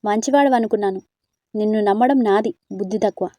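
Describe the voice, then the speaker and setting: A feisty young woman in a storybook who scolds and teases, voiced by a woman reader. Her voice is warm and mellow, recorded close and dry. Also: medium pitch, fast talker, no echo, lightly acted. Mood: scolding. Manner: sharp, scolding and teasing.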